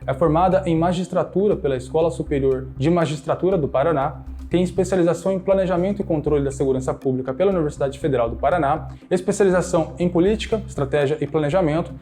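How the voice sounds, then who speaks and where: A man narrating a scripted radio news profile in a brisk, read-out delivery. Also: on the high side, warm tone.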